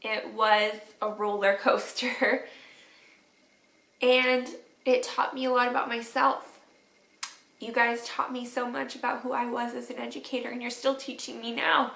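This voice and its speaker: A woman teacher crying through a tender, halting video message to her students, with sniffles and teary laughs. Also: a little high, level tone, creaky, a bit bright, roomy sound, poor audio. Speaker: third grade teacher.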